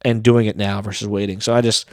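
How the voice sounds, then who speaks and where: A man's voice: lowish voice, level tone, fast, no echo, studio quality. A man co-hosting a casual business podcast, talking in a rambling way with many restarts and fillers. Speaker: podcast co-host.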